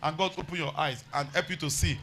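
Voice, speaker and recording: A man's voice: a little high, steady tone, fast talker, vocal fry, fairly bright tone, a little hiss or hum, poor audio. A man with a Nigerian accent preaching a revival sermon, exhorting emphatically with repeated phrases and rhetorical questions.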